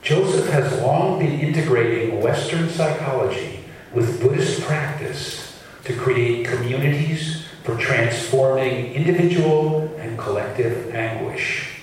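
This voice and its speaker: A man's voice: medium pitch, heavy reverb, distant mic, slight background noise, poor audio. Man on a speakerphone-like mic. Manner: halting, corrects himself. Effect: sounds like a speakerphone. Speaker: event host. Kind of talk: reading an introduction. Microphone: room mic addressing an audience.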